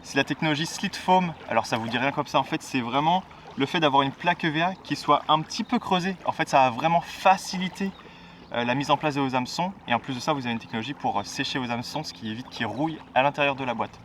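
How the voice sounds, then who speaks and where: A man's voice: mid-range voice, quick pace, a bit bright, far from the mic, slight background noise. A man giving a casual product presentation for a fishing brand, talking in a chatty way with frequent "euh" fillers and restarts.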